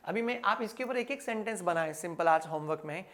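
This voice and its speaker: A man's voice: sits high, lively intonation, fairly quick, a bit bright. A man with an Indian accent teaching a spoken English class, quizzing his listeners and repeating each answer aloud. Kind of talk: classroom lecture.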